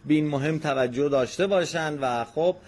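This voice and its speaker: Polite, formal male radio host. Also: fairly high pitch.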